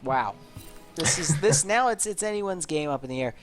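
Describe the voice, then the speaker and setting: A man giving color commentary on a video game match, excitable and jokey, breaking into loud exclamations. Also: fairly high pitch, normal speed, faint music behind. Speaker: esports co-commentator.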